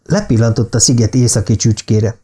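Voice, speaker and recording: Guy narrating a thriller audiobook, steady and even, warm low tone. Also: husky. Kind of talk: audiobook reading of a thriller novel.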